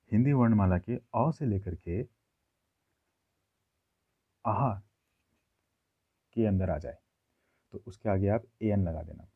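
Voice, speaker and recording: A man teaching a classroom grammar lesson, explaining slowly and checking in with his listeners often. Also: lowish voice, breathy edge. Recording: tinny phone-like audio.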